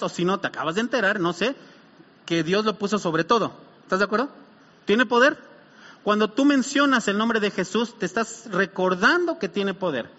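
A man delivers an emphatic sermon in a high, bright voice and keeps checking in with rhetorical questions. The recording is dull and muffled, and a long reverb trails behind his words in the church. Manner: emphatic, asks the congregation frequent rhetorical questions. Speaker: pastor.

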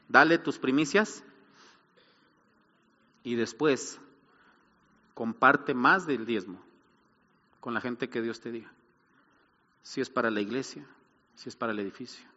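A man's voice: mid-range voice, pushed and bright, long reverb tail, highs cut off. A middle-aged man, preaching a sermon as pastor, building emphasis and asking rhetorical questions.

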